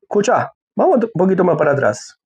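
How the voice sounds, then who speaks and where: A man's voice: high voice, sing-song, a little fast. A man with an Argentine Spanish accent, casually commenting on a music video and talking straight to his viewers. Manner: chatty, talks to viewers, hums and sings snippets. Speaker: music reaction youtuber. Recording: faint music playing behind.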